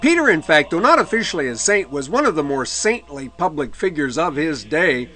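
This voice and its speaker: A man's voice: fairly high pitch, sing-song, a little fast, bright, forceful tone. A man giving a recorded history lecture, explaining in a conversational way with dry asides and occasional mid-word self-corrections.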